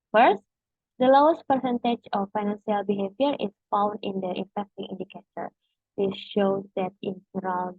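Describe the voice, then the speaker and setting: A young woman with an Indonesian accent formally presents academic research results in a halting, hesitant way, as a student at a thesis defense. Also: mid-range voice, no echo. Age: young adult. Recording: dull, muffled lo-fi audio.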